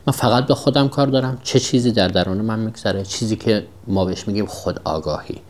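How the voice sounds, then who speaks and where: A man teaching a self-development lesson in a podcast monologue, emphatic and repetitive, asking himself rhetorical questions. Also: on the low side.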